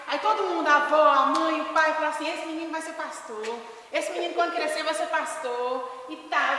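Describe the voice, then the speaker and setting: A woman pastor with a high voice teaches casually, a lively storyteller who keeps checking in with her class. She sounds far from the mic in a very echoey hall with a long reverb tail. A faint hum sits underneath. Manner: lively storyteller, often asks "né?". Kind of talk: informal teaching with anecdotes.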